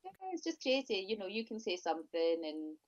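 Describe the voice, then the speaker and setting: In this conversational podcast interview, the female guest has a mid-range voice with big pitch swings and talks a little fast. Her delivery is emphatic, full of repeated and restarted phrases, and the recording sounds dull and lo-fi.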